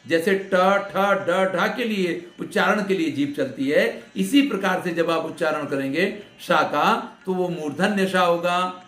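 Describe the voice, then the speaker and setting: A man teaching Sanskrit grammar, slowly demonstrating each sound, repeating syllables and checking that students follow. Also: high-pitched, a bit bright. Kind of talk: explanatory lecture. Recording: echoey room with faint music.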